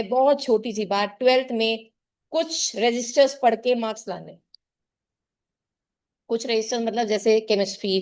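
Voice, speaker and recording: A middle-aged woman tutor giving an earnest motivational talk to her class and calling her students "child.". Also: on the high side. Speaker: tuition teacher.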